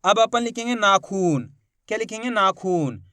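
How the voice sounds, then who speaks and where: A man teaching a reading lesson, slowly sounding out each syllable and encouraging viewers to follow along. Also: high-pitched, animated, bright, forceful tone, smooth, no echo, clean studio sound. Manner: slow, syllable-by-syllable spelling out of words; addresses viewers directly as friends, encouraging.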